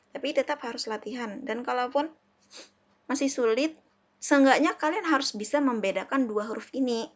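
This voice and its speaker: A woman from Indonesia teaching an Arabic lesson, patiently repeating herself and slowly sounding out each example. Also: a little high, fairly bright tone. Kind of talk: classroom lesson explaining letters.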